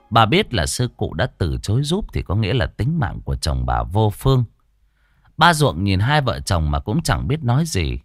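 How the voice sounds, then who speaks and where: A man's voice: lowish voice, no echo, clean studio sound. A man narrating a ghost story with an emotive, dramatic delivery.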